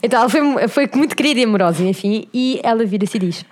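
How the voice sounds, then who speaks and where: A woman's voice: on the high side, expressive, fast. A young Portuguese woman co-hosting a podcast, telling stories in slangy casual chat and acting out quotes. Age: young adult. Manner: storytelling, slangy, laughs easily, acts out quotes. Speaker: podcast co-host.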